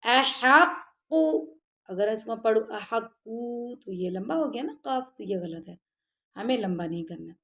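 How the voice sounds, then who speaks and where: In a medium-pitched, darkish voice, a Quran recitation teacher walks her students through tajweed. She is patient and methodical, often checking with "ٹھیک ہے؟", and alternates her plain explanations with slow, drawn-out chanting of the words.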